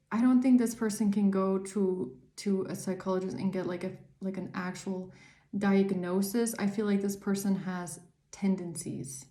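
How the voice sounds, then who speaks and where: A woman's voice: mid-range voice, mellow. Woman doing an echoey tarot reading. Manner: earnest, rambling, repeats words for emphasis. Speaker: tarot reader and psychic channeller. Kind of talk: casual tarot reading to camera. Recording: roomy echo.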